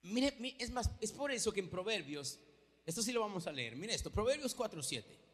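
High, bright-voiced preacher in a reverberant hall. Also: male voice, very animated, brisk. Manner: emphatic, calls out to the congregation; swings between loud exclamations and hushed lines. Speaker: pastor. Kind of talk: sermon.

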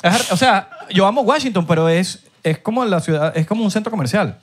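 Venezuelan guy, fast and animated, jokey host, young, street recording. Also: sits high, slight background noise. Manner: joking, rapid, animated slang-filled talk. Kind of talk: casual chat, joking. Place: outdoors in a city street.

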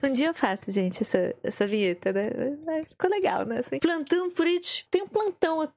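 A woman from Brazil with a Brazilian Portuguese accent, telling a story in a casual livestream from home and acting out the quoted voices with big jumps in pitch. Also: very animated, a little fast, creaky, a little mellow, dry recording. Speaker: live streamer.

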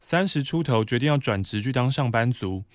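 A man's voice: mid-range voice, expressive, brisk, dry recording, clean studio sound. A man from Taiwan, a podcast host, reading a listener's letter aloud in a conversational way with brief asides.

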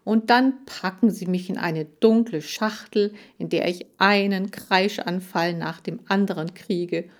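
A woman's voice: lowish voice, a little slow, hardly any pauses, natural voice. A woman voicing a vain, anxious male hamster who whines and complains. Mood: whiny. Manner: whining, complaining.

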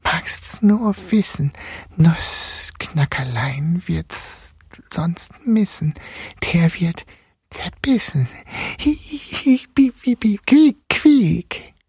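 A man voicing a gleeful, menacing male mouse king in a whispered role-play, hissing and squeaking in a breathy whisper. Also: lively intonation, extremely slow, no echo, studio quality, heavily acted.

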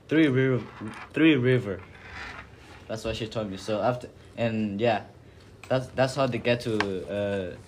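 A young man telling a family story in casual talk, halting and repeating himself. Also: mid-range voice, slight background noise. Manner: halting, repeats words, plain speech. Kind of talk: casual classroom discussion.

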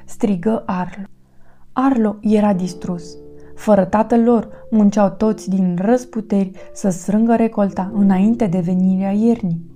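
A woman reading a children's storybook aloud as narrator, in an expressive, lively storytelling manner. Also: mid-range voice, faint music behind.

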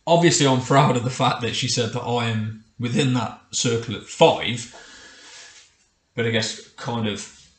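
A man's voice: mid-range voice, a little slow. Man podcasting in an echoey room. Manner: conversational, rhetorical questions addressed to the listener. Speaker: podcast host. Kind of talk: casual solo podcast monologue. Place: indoors in a home kitchen. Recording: echoey, roomy kitchen sound.

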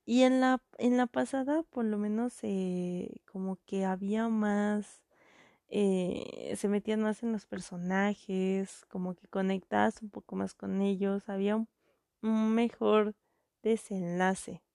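A woman with a Mexican accent, giving an animated, indignant casual monologue as a podcast host, with lots of fillers. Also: mid-range voice, slow pace, creaky, no room sound, clean studio sound. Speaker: podcast host reviewing a film.

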